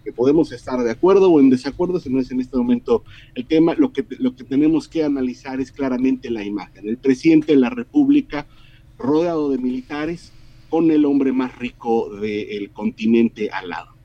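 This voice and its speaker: A man's voice: mid-range voice, normal speed, dry recording, muffled recording. A middle-aged man from Mexico giving earnest weekly political commentary in a radio interview, often repeating words as he builds his point.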